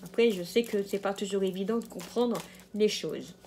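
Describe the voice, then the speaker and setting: A tarot card reader with a warm, medium-pitched voice gives a casual general reading at a normal speed. She sounds hesitant, with lots of fillers and restarts, and now and then laughs at her own jokes.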